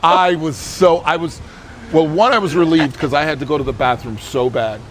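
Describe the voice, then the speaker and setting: A man's voice: fairly high pitch, normal speed. A man venting bluntly about a movie in a casual chat outdoors, swearing and complaining freely. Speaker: movie reviewer.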